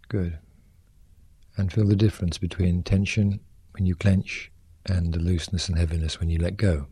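A man leading a guided muscle relaxation exercise, giving gentle, soothing instructions in short, unhurried phrases. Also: low-pitched, breathy edge, no room sound.

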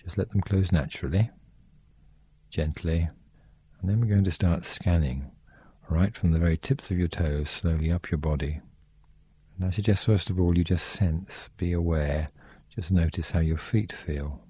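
A man talks listeners toward sleep in a slow, gentle, soothing voice. His tone is very deep and mellow, with a husky grain. The recording is dry and close. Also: no room sound. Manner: slow, soothing, soft-spoken. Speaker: sleep meditation guide. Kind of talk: guided sleep meditation.

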